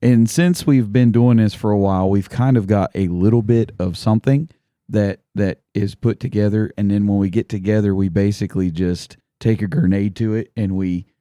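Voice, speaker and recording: Man, podcast co-host, lowish voice, dry close sound, teasing, wisecracking. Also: steady tone, normal speed, warm tone, no room sound. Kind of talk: casual podcast banter.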